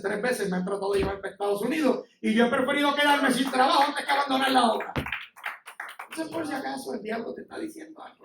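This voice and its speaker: With a high-sitting voice, a middle-aged pastor with a Puerto Rican Spanish accent gives a passionate, conversational sermon full of personal testimony. The background is noisy. He was recorded from a distance in an echoey church sanctuary.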